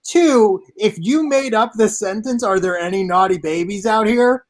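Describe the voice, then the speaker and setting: A man's voice: high-pitched, normal speed. A man playing as a comedy game contestant over a video call, wry and mock-serious. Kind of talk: casual comedy banter.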